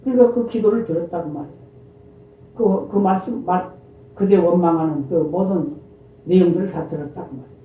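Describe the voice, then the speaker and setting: Male pastor preaching in an echoey sanctuary. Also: high-pitched. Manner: asks the congregation rhetorical questions and answers them; reads scripture aloud in a slow, formal cadence. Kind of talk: sermon. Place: church sanctuary. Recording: echoey church hall from far off, dull lo-fi sound.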